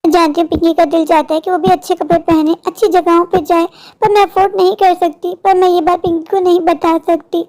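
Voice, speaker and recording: A woman voices a cartoon character for Hindi animation, using an extremely high pitch with a level, somewhat dark tone at a fairly quick pace. Her role is an impoverished young woman, an anxious elder sister whose pleading sounds worn down and full of sorrow.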